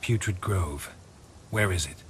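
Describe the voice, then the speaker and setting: A male actor voices a stoic, grizzled monster hunter, the player character in a fantasy role-playing video game. His gravelly, husky low voice delivers terse, clipped questions slowly in a dry, probing, deadpan way, with a slight hiss or hum in the audio.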